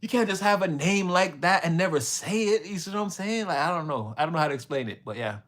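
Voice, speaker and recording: A man's voice: high-pitched, animated, fast, fairly bright tone. A man from Montreal, Canada, hosting a casual livestream, rambling in a slangy way and laughing often as he answers his chat.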